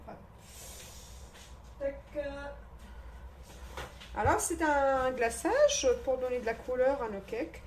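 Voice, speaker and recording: A woman's voice: high voice, big pitch swings, slow pace, long pauses, a little mellow, slight background noise. A woman with a Moroccan accent, a home cook giving a casual cooking demonstration in her kitchen and chatting through each step aloud.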